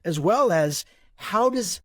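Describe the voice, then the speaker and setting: A man hosting a faith podcast, introducing guests in a measured, earnest way with some fillers. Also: sits high, animated, a bit bright, no room sound, studio quality. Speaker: podcast host and moderator.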